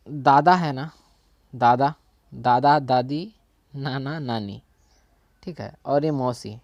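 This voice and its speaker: A man's voice: a little high, darkish tone, no room sound, studio quality. A man with a Chhattisgarhi Hindi accent teaching a language in a casual spoken lesson, often checking in and correcting his own slips. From India.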